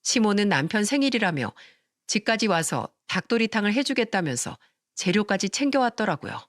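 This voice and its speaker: A woman telling a first-person story with a lively, rising-and-falling delivery. The sound is close and dry, with no room echo. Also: mid-range voice. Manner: expressive storytelling, acting out quarrels. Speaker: narrator.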